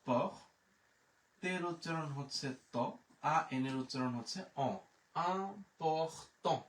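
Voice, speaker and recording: A man's voice: on the high side, a bit bright. Man teaching a live pronunciation lesson, patient letter-by-letter spelling, picked up from across a reverberant room. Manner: spells words out letter by letter, slow repeated pronunciations. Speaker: French teacher. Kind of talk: live online language lesson. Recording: echoey room, distant mic.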